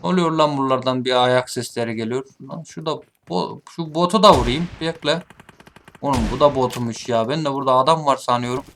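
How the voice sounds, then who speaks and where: A man talks through his gameplay, taunting his opponents. His voice sits mid-range, sometimes muttered and sometimes shouted. Faint noise runs under the recording. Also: mid-range voice, brisk. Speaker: gaming streamer. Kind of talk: live gameplay commentary. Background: game gunfire.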